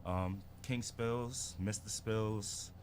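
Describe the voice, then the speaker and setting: A man's voice: on the low side, steady tone, very slow, a little hiss or hum. A man from Barbados in his thirties, a rapper telling his story in a laid-back casual interview full of slang. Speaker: guest rapper.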